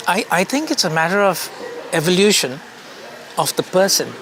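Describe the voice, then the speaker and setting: Thoughtful man, slightly higher voice. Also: lively intonation, moderate pace, a bit bright, slight background noise. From India. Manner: thoughtful, repeats words while searching, laughs easily. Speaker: creative director, interview guest. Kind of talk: casual conversation.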